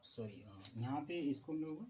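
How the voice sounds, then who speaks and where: A man teaching a Hindi grammar lesson for exam preparation, asking questions and answering them himself and repeating key terms slowly. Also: mid-range voice, expressive, darkish tone, a little hiss or hum, rough recording.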